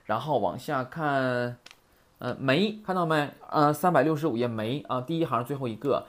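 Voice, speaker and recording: A man's voice: medium pitch, normal speed. A man teaching Japanese grammar in a chatty lecture, often asking rhetorical questions. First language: Mandarin.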